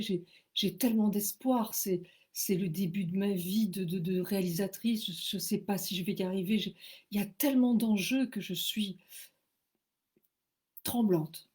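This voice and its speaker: A French woman tells her own story at an unhurried pace, her voice slightly husky. She is animated and self-mocking, and she stumbles and repeats words as she goes. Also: mid-range voice. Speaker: author telling her story. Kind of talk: casual spoken storytelling.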